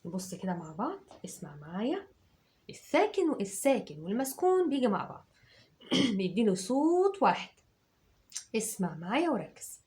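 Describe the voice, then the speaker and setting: An Egyptian woman teacher dictating words to children, patiently breaking them into drawn-out syllables and repeating them. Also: a little high, big pitch swings, warm tone. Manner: slow, syllable by syllable, drawn-out sounds.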